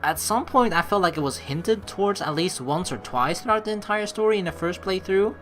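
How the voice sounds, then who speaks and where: A woman hosts a let's play, offering casual, rambling, informal commentary and reading game text aloud while game music plays faintly behind her. Her mid-range voice is animated, fairly quick, and fairly bright.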